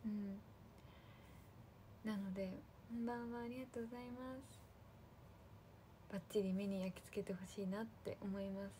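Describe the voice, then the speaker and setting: A woman talks straight to her fans in a relaxed livestream, chatty and friendly, thanking viewers by name. Her voice sits at a middle pitch for a woman. A faint hiss of noise runs under the recording. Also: moderate pace, pauses often. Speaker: idol livestream host. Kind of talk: casual livestream chat with fans.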